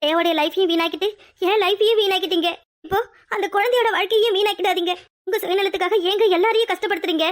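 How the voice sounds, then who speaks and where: A woman voicing a gentle, earnest young wife in a cartoon drama. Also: extremely high pitch, fairly even intonation, quick pace, pauses often, no room sound, studio quality. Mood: indignant. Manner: earnest, pleading. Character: gentle young wife who finally speaks up. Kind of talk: cartoon voice acting.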